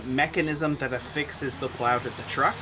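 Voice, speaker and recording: A man's voice: mid-range voice, fairly even intonation, normal speed. Analytical male gamer, mid-range voice, background noise. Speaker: gameplay co-commentator. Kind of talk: casual gameplay chat.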